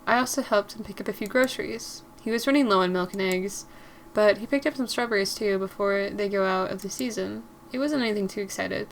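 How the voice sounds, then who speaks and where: A woman's voice: mid-range voice, fairly bright tone, a little hiss or hum. A woman streamer reading a visual novel aloud in a chatty way. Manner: chatty, laughs between lines.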